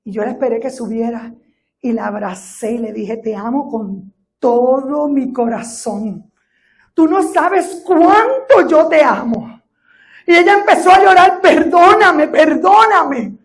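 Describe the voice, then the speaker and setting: A middle-aged Puerto Rican woman pastor preaching a sermon, telling a personal testimony that builds to fervent shouting. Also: high voice, expressive, a little slow. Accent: Puerto Rican Spanish. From Puerto Rico.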